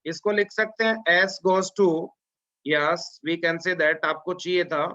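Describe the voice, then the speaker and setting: Unhurried guy teaching class, keeps asking if students follow, muffled audio. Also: sits high, pushed and bright. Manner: drawls out formulas slowly, keeps checking students follow. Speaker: lecturer. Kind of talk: online classroom lecture. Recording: dull lo-fi lecture audio.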